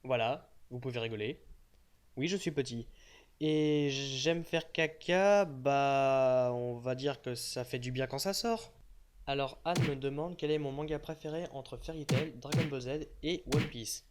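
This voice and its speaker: A man's voice: mid-range voice, measured pace, a little hiss or hum. A young man casually answering fan questions in a voice-over, joking and teasing with mock-serious asides. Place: unseen voice-over.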